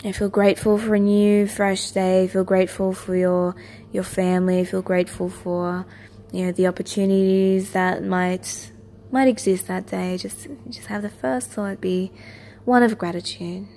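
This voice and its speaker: A woman leading a guided meditation as its teacher, in a gentle, soothing, lulling manner with repeated soft instructions. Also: medium pitch, level tone, measured pace, a little hiss or hum.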